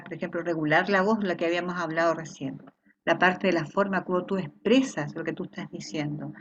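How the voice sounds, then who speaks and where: Chilean woman teacher, explanatory, keeps checking in, dull video-call sound, slight hiss. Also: on the low side. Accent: Chilean Spanish. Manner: explanatory, checks in with frequent rhetorical questions. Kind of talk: online class lecture.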